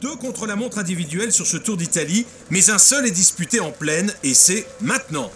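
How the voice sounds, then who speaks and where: A man's voice: sits high, animated, moderate pace, fairly bright tone, faint music behind. A man delivering a scripted race introduction as a sports commentator in a cycling game.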